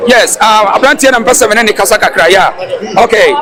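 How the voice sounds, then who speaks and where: A man, hosting and interviewing people in a casual way and chiming in with quick affirmations. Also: sits high. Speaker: host and street interviewer. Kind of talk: casual interviewing, mixing Twi and English. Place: busy public event. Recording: loud crowd behind.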